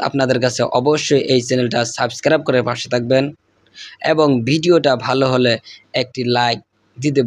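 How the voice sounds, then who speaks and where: A man with a Bangladeshi Bengali accent teaching Quran reading, spelling out Arabic letters and stretching the syllables in a slow chant, with quick spoken asides in between. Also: medium pitch, no room sound. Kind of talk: recitation lesson, spelling out letters.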